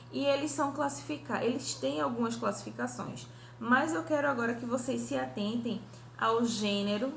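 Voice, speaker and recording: A woman's voice: a little high, gravelly. A young woman teaching a review lesson to primary school children, patient and repetitive, checking in with her listeners often. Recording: echoey room, faint hum.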